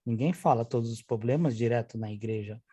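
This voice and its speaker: A man's voice: medium pitch, a little fast, mellow, husky, dry recording, clean studio sound. A man with a Brazilian accent in a Bible study discussion, speaking thoughtfully and trailing off mid-sentence. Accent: Brazilian Portuguese. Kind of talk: casual discussion.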